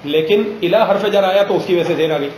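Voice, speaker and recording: Guy teaching a grammar class, keeps asking "what do we call it?", slows down on examples, roomy echo. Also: high-pitched, a crowd in the background. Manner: drills students with frequent check questions; slows down to spell out example phrases.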